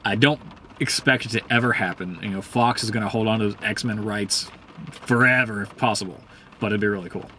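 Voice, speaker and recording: A man giving a casual, profane, heated commentary, rambling with many fillers and swinging up in pitch when worked up. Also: a little fast, pushed and bright, slight background noise. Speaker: host.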